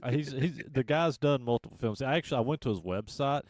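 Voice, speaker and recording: A man's voice: medium pitch, a little fast, darkish tone, no room sound. A man co-hosting a casual movie podcast, teasing and enthusiastic, on a close, dry mic. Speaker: podcast co-host.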